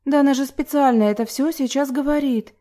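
A brash young woman, quick to sneer and quick to panic, with a high, pushy voice , put on by a woman reading an audiobook. The tone stays warm and mellow beneath the shrillness, in the manner of an audiobook. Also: lightly acted. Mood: nervous pleading.

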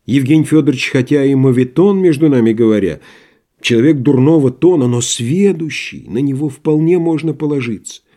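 A man voicing a soft-hearted older male postmaster who pleads with a friend in a gentle, tearful half-whisper. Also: mid-range voice, fairly quick, natural voice. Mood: coaxing. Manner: soft, coaxing half-whisper with sudden gruff barks.

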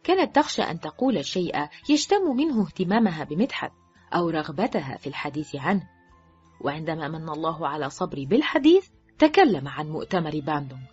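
Woman narrator, audiobook reading, lowish husky voice, dull lo-fi sound, faint music. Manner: lively, expressive reading.

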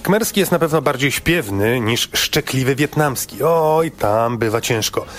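A man telling a scripted radio travel report in a lively, playful storytelling way. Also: medium pitch, a little slow.

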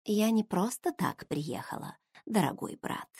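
A woman voicing a playful pregnant young sister who writes novels, speaking softly and teasingly. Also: mid-range voice, expressive, a little slow, breathy edge, no echo, studio quality. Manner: soft, hushed, teasing.

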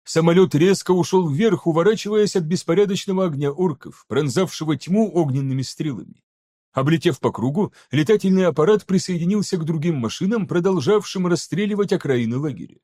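A man reads an audiobook in steady, scripted narration. His voice is mellow and dark, and it sits a little higher than most men's. His pacing stays even through the action. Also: fairly quick. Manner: steady, even storytelling that voices each character.

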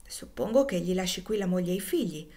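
A woman's voice: on the low side, animated, a little fast, dark tone, natural voice. A woman voicing a sympathetic male blacksmith, earnest and questioning.

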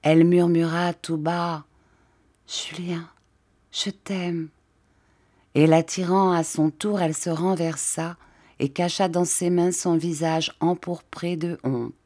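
A woman reading a classic novel aloud as an audiobook, in a measured, expressive way. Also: on the low side. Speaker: audiobook reader. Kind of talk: scripted narration of a classic novel.

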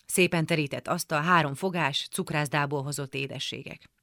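A woman reading a literary memoir aloud for radio in a calm, measured storytelling manner. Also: deep voice, dry recording, clean studio sound. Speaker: radio reader. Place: radio studio.

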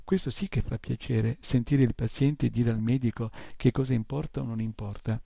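A man's voice: medium pitch, fairly even intonation, moderate pace, creaky, dark tone, dry recording, clean studio sound. Man doing scolding old gnome healer woman. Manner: brusque and scolding. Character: gruff old female gnome healer, sharp-tongued.

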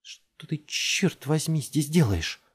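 A man's voice: on the high side, animated, slow, slightly rough, voice pushed up, exaggerated voice. A man voicing a frightened, urgent young woman. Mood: tense. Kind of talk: audiobook character voice.

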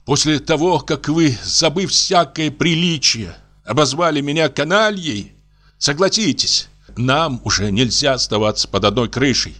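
A man voicing a prim, fussy country doctor who pleads and reproaches in a high, strained voice. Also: animated, normal speed, fairly bright tone, faint music behind. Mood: reproachful.

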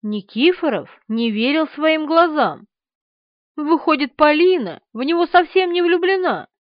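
High, animated woman narrator. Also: unhurried, dull audio. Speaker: audiobook narrator. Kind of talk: expressive audiobook narration.

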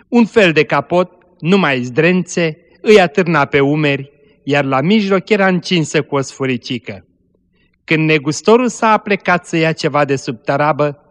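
A man narrating a story aloud in a slow, measured way. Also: on the high side, long reverb tail. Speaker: story reader.

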